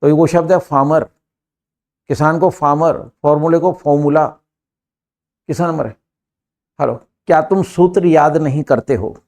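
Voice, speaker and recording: A middle-aged man teaching English to a live class, drilling students with brisk commands. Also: a little high, darkish tone.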